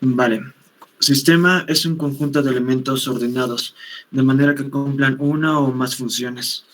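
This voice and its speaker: A man's voice: medium pitch, low-quality recording. A man student answering a teacher's question in an online class, reciting definitions and searching for words.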